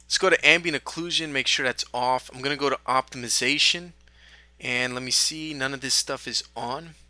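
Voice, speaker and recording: A man teaching a software tutorial, talking through each step in a relaxed way with small fillers. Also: mid-range voice, normal speed, no echo. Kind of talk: screen-recorded software tutorial.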